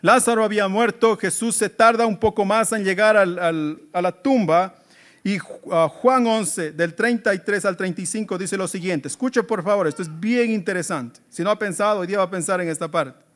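High-voiced, emphatic male preacher. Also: normal speed. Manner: emphatic preaching with rhetorical questions; swings between loud exclamations and quiet asides. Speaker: pastor. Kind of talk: sermon.

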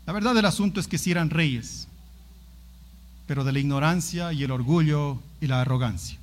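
A man's voice: on the high side, moderate pace. A man preaching a sermon on a Bible passage, talking emphatically and with animation, breaking in with exclaimed asides.

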